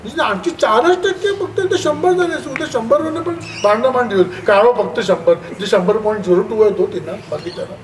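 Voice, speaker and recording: A man giving a lively talk to parents at a school, acting out parents and children as he tells stories. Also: very high-pitched, fairly quick, few pauses. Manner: lively storytelling, acts out parents' and children's voices. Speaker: education speaker. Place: school hall. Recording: distant mic with clear background noise.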